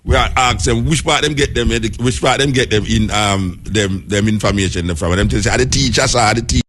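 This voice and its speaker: A Jamaican man with a fairly low voice gives an explanatory talk in Rasta speech. His phrasing follows Patois grammar, and he stresses his points by repeating key phrases emphatically. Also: steady tone, a little fast, fairly bright tone.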